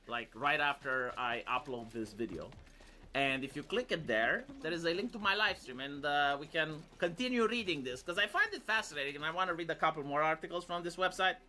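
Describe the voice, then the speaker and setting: Over background music, this streamer's bright, forceful voice runs on the high side as he delivers casual, improvised reaction commentary, arguing sardonically and often asking rhetorical questions.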